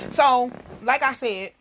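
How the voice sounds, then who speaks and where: A woman's voice: a little high, a little hiss or hum. A woman, hosting a live talk show in a blunt, profane, emphatic monologue. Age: 30s.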